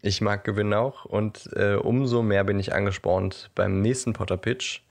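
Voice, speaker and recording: Low, gravelly man, joking podcast host. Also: steady tone, moderate pace. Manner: playful, joking, laughs often. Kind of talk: casual podcast chat.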